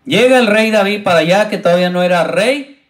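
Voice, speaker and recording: A man's voice: high-pitched, brisk. A man, a pastor, preaching a sermon, retelling a Bible story and speaking directly to his congregation. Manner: retells a Bible story, acting out the quoted speakers in raised voices.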